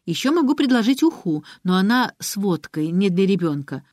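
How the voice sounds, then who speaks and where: A woman voicing a talkative young chef in an audiobook, cheerful and kind, speaking lively and eager. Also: mid-range voice, normal speed, no room sound, studio quality, lightly acted. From from Rostov.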